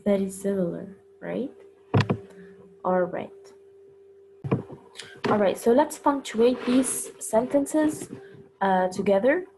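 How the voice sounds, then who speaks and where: A woman teaching punctuation in a recorded lesson, explaining each step slowly and carefully. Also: medium pitch, animated, vocal fry, background noise. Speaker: English teacher.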